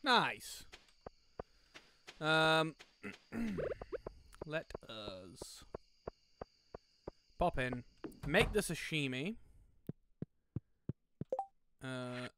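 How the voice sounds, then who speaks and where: A man's voice: fairly high pitch, very animated, very slow, long pauses, background noise. A man giving casual let's-play commentary on a farming game, thinking aloud with lots of fillers. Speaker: gaming commentator.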